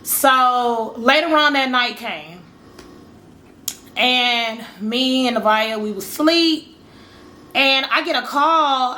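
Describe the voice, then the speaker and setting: With a high, bright voice, this storytime vlogger chats to her camera, wandering through her tale. She addresses the audience as "y'all" and performs her own reactions along the way.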